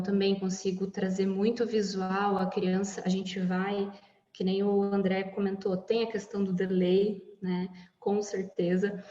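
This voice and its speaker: A woman's voice: mid-range voice, mellow, reverberant, in a large hall, lo-fi sound. A woman music therapist explaining her work in a casual podcast conversation, often adding "né" as she talks. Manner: explanatory, many "né" tags.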